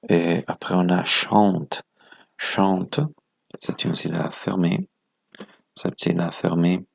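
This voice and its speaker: A man's voice: low voice, creaky, husky, dry recording. A man presenting a video lesson, explaining step by step in a methodical way, counting items aloud and correcting himself as he goes.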